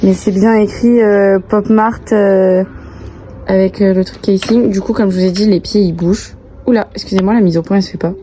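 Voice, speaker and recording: A woman's voice: mid-range voice, fairly even intonation, moderate pace, dark tone. A young adult woman chatting casually to camera in a bubbly, gushing way full of slang. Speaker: vlogger. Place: outdoors near passing cars. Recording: outdoor recording with clear traffic noise.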